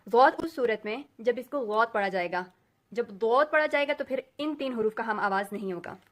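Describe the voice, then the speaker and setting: A woman with an Urdu accent teaching a recorded lesson, speaking slowly and deliberately and repeating sounds as drills. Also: on the high side. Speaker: Quran recitation teacher.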